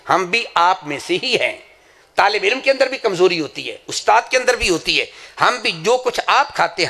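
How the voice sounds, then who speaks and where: A man's voice: high-pitched, creaky, bright, forceful tone. A man from Pakistan preaching an impassioned sermon at a madrasa gathering, telling anecdotes and swearing to his sincerity.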